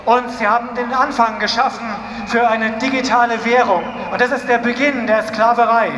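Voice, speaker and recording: A man's voice: extremely high pitch, steady tone, normal speed. A man interpreting a speech phrase by phrase at an outdoor demonstration, now and then restarting a word. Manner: translating phrase by phrase, occasionally restarting words. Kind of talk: consecutive interpreting at a rally. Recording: echoey outdoor loudspeaker sound with crowd noise.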